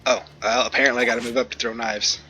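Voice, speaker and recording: A man with a bright, forceful voice gives let's play commentary as he plays. He talks in a chatty, joking way, with lots of ums and ohs. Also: medium pitch, level tone, quick pace. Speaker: gamer.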